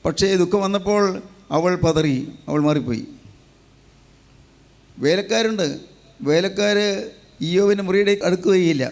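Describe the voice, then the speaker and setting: A man with a high-pitched voice preaches a sermon. He repeats and builds his phrases in an emphatic cadence. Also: moderate pace, pauses often, a little mellow.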